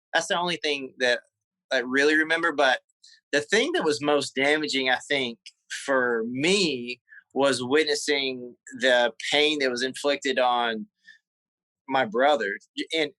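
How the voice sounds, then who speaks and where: A man from South Carolina, a guest candidly telling his life story in an interview, halting and restarting often. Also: medium pitch, pushed and bright, no room sound, low-quality recording.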